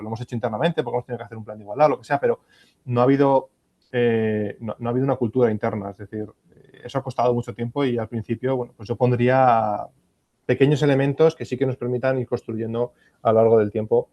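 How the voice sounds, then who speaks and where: Spanish man, panel expert, even tone, hesitant and thoughtful, dry muffled recording. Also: mid-range voice, fast talker, dry recording. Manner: thoughtful, many fillers and restarts. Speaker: panel expert on ESG reporting. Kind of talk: conference panel answers.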